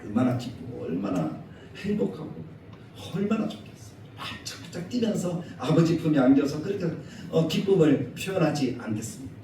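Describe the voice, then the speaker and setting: A male pastor delivering a Sunday sermon in a church, animated, acting out quoted scolding in a raised voice. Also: on the high side, fairly quick, hardly any pauses, background noise. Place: church sanctuary. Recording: echoey church hall, mic at a distance.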